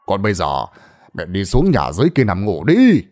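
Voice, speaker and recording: A man voicing a fat, drunken middle-aged son who scolds his mother loudly and impatiently. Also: medium pitch, big pitch swings, a little fast, slightly rough.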